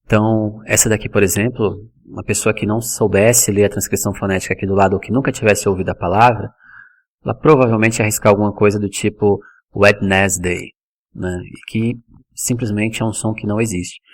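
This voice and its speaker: A man from Brazil teaching English pronunciation in a video lesson, explaining patiently and repeating each word slowly so it can be copied. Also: fairly low pitch, steady tone.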